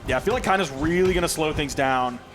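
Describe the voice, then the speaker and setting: High-voiced, excitable male esports caster. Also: fast, over music. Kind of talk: esports commentary on a fighting game.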